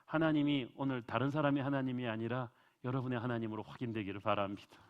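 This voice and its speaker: A man's voice: mid-range voice, steady tone, fast, lo-fi sound. A male pastor preaching a revival sermon in a church, earnest and emphatic, rising in force to stress points.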